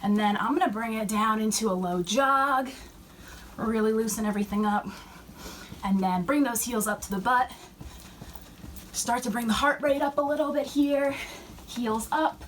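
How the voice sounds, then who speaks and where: A young woman fitness instructor cueing warm-up moves while she exercises, a little out of breath. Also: fairly high pitch, normal speed, pauses often. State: slightly out of breath. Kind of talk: workout instruction. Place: fitness center. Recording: distant mic with faint room noise.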